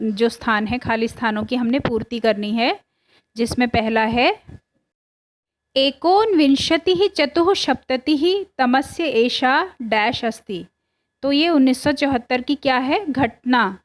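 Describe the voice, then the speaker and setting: A woman teacher explaining a lesson, reading words out slowly and carefully. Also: a little high. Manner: slow, careful, reads words aloud one by one.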